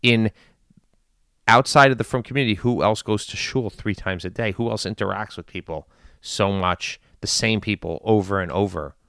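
Deep-voiced, deliberate New man. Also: creaky, a bit bright, clean tone, dry recording, clean studio sound. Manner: measured, deliberate, halting with long pauses. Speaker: commentator addressing his community. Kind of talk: informal spoken news and community commentary.

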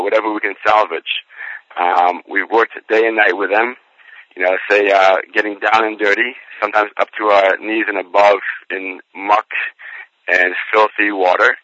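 An American man with a sore throat, explaining things earnestly and deliberately, phrase by phrase, as a radio interview guest. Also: on the low side, pushed and bright. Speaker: radio guest, regional youth organization director. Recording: lo-fi roomy internet phone line.

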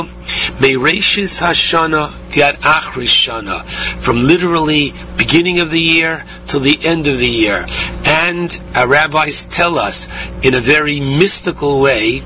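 A man gives a religious talk as a rabbi, teaching in a deliberate, emphatic way with pauses. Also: fairly high pitch, pushed and bright. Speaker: rabbi giving a Torah talk. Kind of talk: religious sermon on scripture and blessings. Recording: dull radio-like sound, faint hum and noise.

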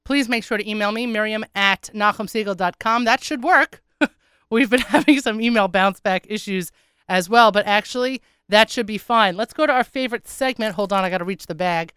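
Hoarse, congested American woman hosting radio. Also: mid-range voice, brisk, fairly bright tone, no echo. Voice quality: hoarse, froggy, swallowed-sounding voice. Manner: self-deprecating, wry. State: congested, under the weather. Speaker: radio show host. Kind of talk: casual chatty radio monologue.

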